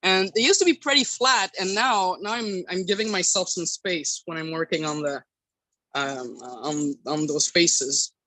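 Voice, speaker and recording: A hobby sculptor from Quebec talks casually through a live workshop tour. The voice is bright and forceful, with very little room sound around it. The delivery is informal and halting, feeling its way from phrase to phrase. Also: medium pitch, no room sound, rough recording. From Quebec, Canada. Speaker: hobby sculptor streamer showing work. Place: home workshop in a house. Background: bubbling aquarium water, passing truck.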